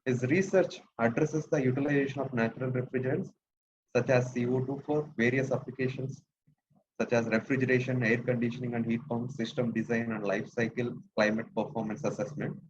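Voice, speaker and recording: A man's voice: medium pitch, fairly even intonation, fairly quick. A man with an Indian English accent moderating an online workshop, politely reading out a speaker's introduction. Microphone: computer mic on a video call. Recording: dull lo-fi call audio with faint noise.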